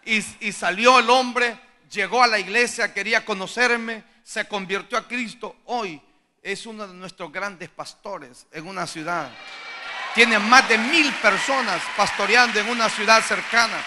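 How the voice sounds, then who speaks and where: Impassioned preacher with a very high, bright voice. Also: male voice, measured pace. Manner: impassioned preaching, swings from hushed to shouting. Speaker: pastor. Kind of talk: sermon.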